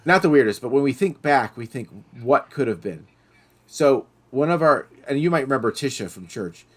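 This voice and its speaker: A man's voice: mid-range voice, brisk. Middle-aged guy on a podcast telling a story, voice jumps all over, acts out what people said. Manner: animated storyteller, acting out quoted voices. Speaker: podcast host. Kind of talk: casual storytelling chat.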